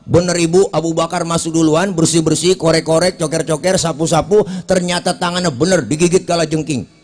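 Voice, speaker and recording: A man preaching a comic sermon, telling stories with jokes and dropping to a low confiding voice for asides. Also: fairly even intonation, a little fast, a little mellow. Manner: jokey storytelling, drops to a low confiding voice for asides.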